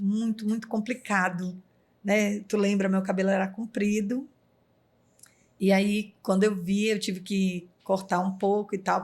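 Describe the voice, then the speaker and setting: A woman's voice: medium pitch, darkish tone. A middle-aged woman from Brazil, a podcast guest, earnestly telling a personal story with many fillers.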